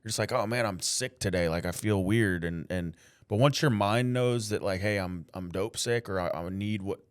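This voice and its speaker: A man with a lowish, resonant voice hosts a podcast, recorded clean and dry in a studio at normal speed. His tone is clear and earnest, driven by faith, and he fills his speech with "like" and "man." In this casual interview conversation, he shares his own experiences while asking questions.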